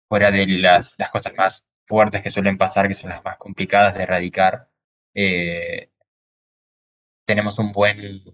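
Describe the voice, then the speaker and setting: A man of twenty-four, talking on a video call panel in a hesitant way with many pauses. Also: low voice, fairly bright tone. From Argentina. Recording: muffled lo-fi call audio.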